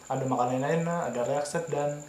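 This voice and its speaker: A man's voice: on the high side, moderate pace. A man hosting a casual talk, chatting easily and reacting with short remarks. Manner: relaxed, chatty, drops short reactions and sign-off plugs. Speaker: host. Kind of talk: casual chat. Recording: echoey room with clear background noise.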